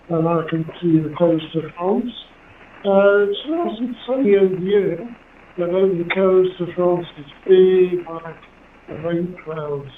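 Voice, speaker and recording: A man's voice: a little high, reverberant, far from the mic. A man from Jersey in the Channel Islands chatting and giving call signs as a ham operator over two-way radio. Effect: two-way radio transmission. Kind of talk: ham radio contact, phonetic spelling and casual chat. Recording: tinny handheld radio through repeater, faint hiss.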